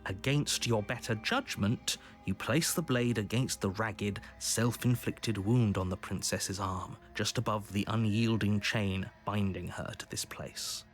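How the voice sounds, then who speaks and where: Man as a low-voiced stern game narrator. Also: a little slow, hardly any pauses, soft background music, lightly acted. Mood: reluctant, grave. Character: stern, disapproving, exasperated male narrator with grave storyteller delivery. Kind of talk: dramatic video game narration.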